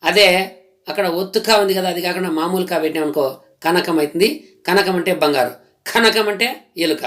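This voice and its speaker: A man's voice: high voice, fairly quick, a bit bright. A man teaching Telugu grammar, listing words one at a time and explaining each one patiently. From Telugu-speaking region of India. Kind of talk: slow explanatory lesson.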